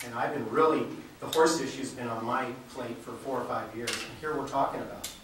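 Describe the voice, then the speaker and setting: A man's voice: mid-range voice, steady tone, brisk, noisy background. Earnest man commenting in an echoey hall. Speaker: public commenter. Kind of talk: public testimony. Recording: echoey hall, distant mic.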